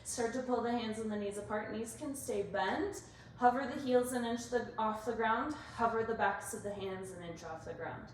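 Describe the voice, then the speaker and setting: A female workout instructor is heard from a distance in a very reverberant room, with faint noise underneath. She coaches in short, directive cues, briskly counting and naming each move. Her voice sits at an average pitch for a woman. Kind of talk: exercise class coaching, cueing moves and counts.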